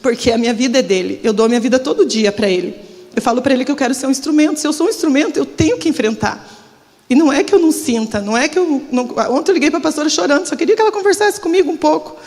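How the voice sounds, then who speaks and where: A middle-aged Brazilian pastor shares her testimony, and her slightly high voice trembles with nerves. She speaks from a large church hall, and every word trails off in a long reverb. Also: animated, very fast, a little mellow. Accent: Brazilian Portuguese. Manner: emotional, confessional, trembling with nerves. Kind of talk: testimony sermon. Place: church service.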